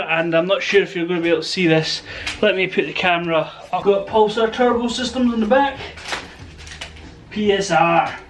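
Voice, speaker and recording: Excitable man gushing over an unboxing. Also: sits high. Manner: excitable, laughs often, gushing exclamations. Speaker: car enthusiast vlogger. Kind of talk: casual unboxing vlog.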